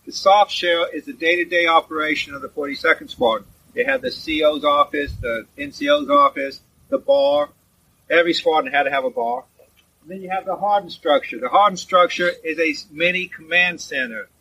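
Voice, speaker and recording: A man's voice: on the high side, lively intonation, moderate pace, creaky, sharp tone. A man working as a tour guide, giving informal explanations outdoors at some distance from the microphone. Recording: distant mic, noisy vehicle ambience.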